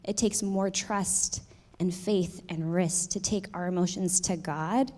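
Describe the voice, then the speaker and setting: A woman's voice: on the low side, fairly even intonation, slow, mellow, low-quality recording. A woman giving an earnest, personal devotional talk to a church team meeting.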